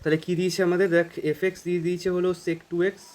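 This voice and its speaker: Casual male math tutor, slightly high voice. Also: flat delivery, very fast, darkish tone. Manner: casual, addresses students informally, thinks aloud with fillers. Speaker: math teacher. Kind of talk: informal math lesson.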